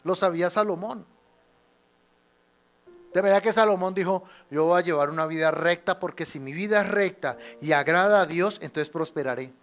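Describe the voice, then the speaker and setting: High-voiced preacher, loud then hushed. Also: male voice, normal speed. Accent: Colombian Spanish. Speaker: pastor. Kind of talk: sermon. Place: church sanctuary.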